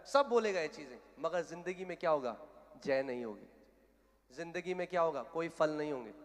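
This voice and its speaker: A man from India preaching a sermon as a pastor, talking bluntly and directly and rising to fervent shouts. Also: on the high side, lively intonation, brisk. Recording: long hall reverb.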